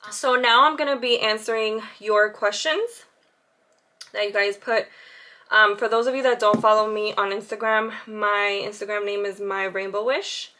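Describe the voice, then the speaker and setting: Female vlogger, 30s, bright and clear tone, casual rambling delivery with light laughs, talking while putting on makeup. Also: medium pitch, fairly even intonation, normal speed. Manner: chatty, laughs often, many fillers. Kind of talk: casual chat to camera. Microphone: camera with side viewfinder.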